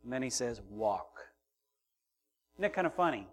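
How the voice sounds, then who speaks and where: A middle-aged man preaching a sermon, moving from hushed, quiet passages to loud, emphatic ones and acting out the voices in the story. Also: medium pitch, animated, racing. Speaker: pastor.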